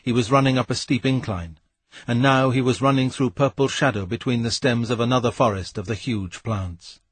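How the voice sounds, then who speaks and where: A man reading a novel aloud as an audiobook narrator, in a measured, steady way. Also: medium pitch, breathy edge, no echo. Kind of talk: scripted narration.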